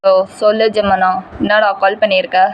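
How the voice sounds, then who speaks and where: A woman voicing a furious, short-tempered young man who shouts and scolds harshly in an amateur storytelling. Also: medium pitch, flat delivery, normal speed, dull audio, a little hiss or hum, natural voice. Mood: angry.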